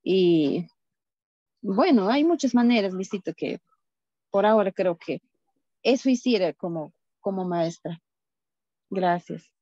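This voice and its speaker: A woman's voice: mid-range voice, lively intonation, slow, long pauses, warm tone, no echo. A woman, a teacher-training student giving a tentative answer in an online class. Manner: tentative, trailing off. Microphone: video call. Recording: dull lo-fi video call audio.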